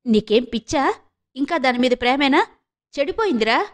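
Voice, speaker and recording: A woman's voice: sits high, big pitch swings, moderate pace. A woman voicing a scornful, dismissive young man in a spoken storybook.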